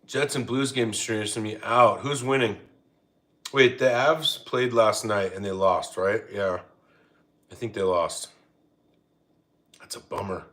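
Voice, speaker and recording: A man's voice: on the low side, takes it slowly, pauses often, fairly bright tone. A middle-aged man chatting casually on a home livestream, reading chat aloud and laughing easily. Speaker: livestream host. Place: home, feeding dogs.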